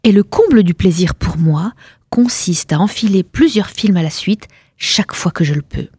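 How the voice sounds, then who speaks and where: Woman in her 50s, story reader, swooping lively pitch, dry close sound, ironic and playful. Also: moderate pace, breathy edge, no echo. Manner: playful, ironic, self-correcting. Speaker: author reading her story. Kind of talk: performed story reading.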